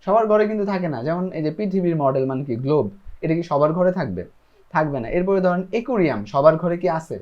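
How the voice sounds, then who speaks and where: A man's voice: on the high side, lively intonation, fast, darkish tone, highs cut off. A man giving a casual, chatty lesson, often checking in with his listeners. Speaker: self-taught English learner sharing lessons.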